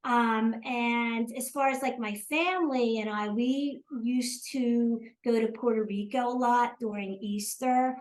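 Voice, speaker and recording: A woman's voice: a little high, steady tone, a little slow, hardly any pauses, rough recording. An older woman from South Jersey with a South Jersey accent, chatting as an interview guest, hesitant with many ums and restarts. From South Jersey, USA. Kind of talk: casual interview chat.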